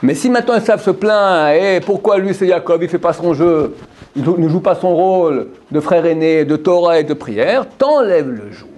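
A man's voice: fairly high pitch, animated, normal speed, a little mellow. A man giving a Torah lesson to a group of men, repeating phrases and putting questions to his listeners. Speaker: Torah teacher.

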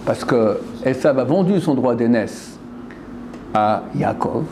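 A man teaching a religious lesson in an animated way, quoting verses, translating them, and asking and answering his own questions. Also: mid-range voice, takes it slowly, background noise. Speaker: Torah teacher.

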